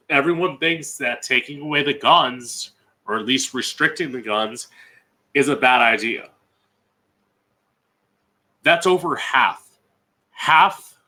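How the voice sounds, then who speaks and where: A man's voice: medium pitch, sharp tone. An American man hosting as a drag queen, giving blunt, emphatic opinionated commentary with frequent swearing. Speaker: drag queen podcast host.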